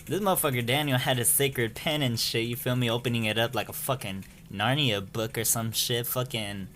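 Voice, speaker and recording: Talking briskly in a medium-pitched, somewhat bright voice with fairly even intonation, a young man vlogs a rambling story-time tale. He's slangy and profane and keeps tossing in "you feel me." There's slight background noise.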